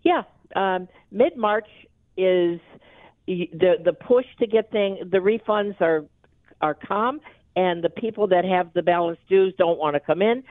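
Over a tinny telephone connection, an alert woman explains things as an expert in a live radio interview. She is a tax preparer and her company's chief executive, speaking at a measured pace in a fairly low voice. There's no echo.

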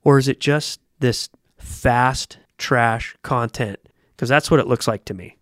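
A man co-hosting a golf podcast, talking in a blunt, profane, animated way. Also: medium pitch, unhurried, no room sound, studio quality. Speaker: podcast co-host. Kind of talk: casual chat.

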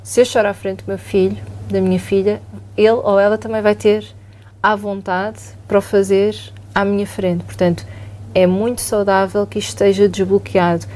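Mellow-voiced Portuguese woman psychologist. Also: mid-range voice, normal speed. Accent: European Portuguese. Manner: calm, explanatory, often asks "não é?". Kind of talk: explanatory podcast talk.

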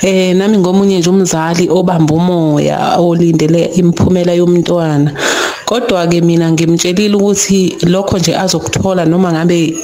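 A woman's voice: lowish voice, steady tone, a little fast, warm tone. A woman with a Zulu accent leaving a casual personal message as a radio listener.

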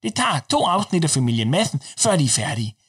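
A man narrating a recipe in a deadpan, instructional manner. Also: a little high, breathy edge.

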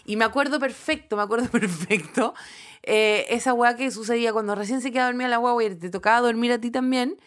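Woman, Chilean accent, thirties, casual podcast chat, animated, laughing, slightly high voice. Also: a little fast. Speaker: podcast co-host.

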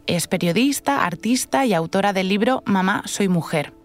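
A woman's voice: mid-range voice, animated, moderate pace, soft background music. Woman narrating a news report.

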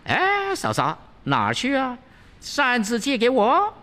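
A storyteller voicing the Monkey King, a brash, quick-tongued trickster, in a high, chirpy voice in a hall with long reverb. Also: wildly swooping pitch, pushed and bright, exaggerated voice. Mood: coaxing. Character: cocky Monkey King, brash and fast-talking.

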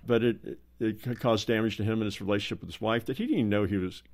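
A man with a fairly low voice talks slowly on a casual roundtable. He stumbles and restarts as he gathers his thoughts. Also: a little mellow. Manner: slow, halting, full of restarts.

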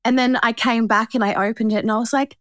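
A woman's voice: a little high, fairly even intonation, fast, a bit bright, no echo, clean studio sound. A woman in her twenties with an Australian accent, a podcast guest telling personal stories in a chatty, slangy way. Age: 20s. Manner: slangy, chatty, quotes conversations. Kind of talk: casual personal storytelling.

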